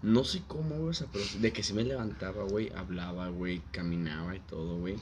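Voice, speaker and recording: A young man with a Mexican accent, a guest in a friends' chat, reacting with excited slang and curses. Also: low voice, quick pace, slight background noise. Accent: Mexican Spanish. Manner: excitable reactions, heavy swearing. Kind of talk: casual chat among friends.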